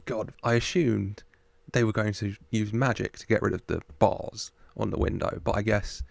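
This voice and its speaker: A man's voice: on the low side, fairly even intonation, moderate pace, creaky, no room sound. A man giving casual film reaction commentary as host, chatty and amused.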